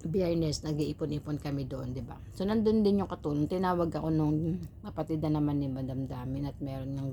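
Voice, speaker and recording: A woman from the Philippines vlogging casually about her work as a household helper. Her voice sits low, and she talks in a chatty, advice-giving way with frequent rhetorical tags. A faint hum of room sound lies behind her. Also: mellow. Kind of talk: casual storytelling to viewers.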